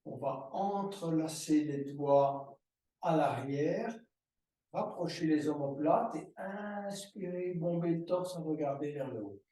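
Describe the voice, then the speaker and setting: Slow, calm man guiding yoga. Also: a little high, far from the mic. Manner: slow, calm breathing cues. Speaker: yoga teacher. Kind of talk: guided yoga class instruction. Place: room recorded as an online class. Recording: roomy echo, voice from afar.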